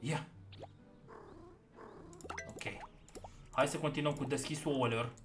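A man giving casual gameplay commentary as a gaming YouTuber, excitable and swinging between loud outbursts and quiet muttering. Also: mid-range voice, faint music behind.

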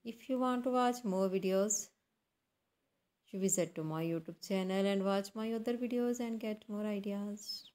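A woman reading a scripted voice-over as a channel host, in halting, deliberate phrases. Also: medium pitch, darkish tone. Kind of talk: scripted voice-over narration for a slideshow.

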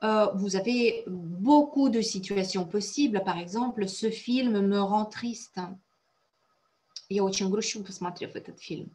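A woman's voice: mid-range voice, slow pace, darkish tone. A woman teaching French in an online class, praising students often and explaining phrases step by step, with Russian as her native language.

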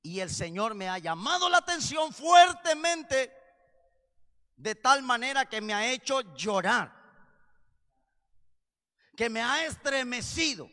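A man preaching a sermon with passion, swinging between loud cries and low, intense passages. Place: church. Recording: long reverb of a church hall.

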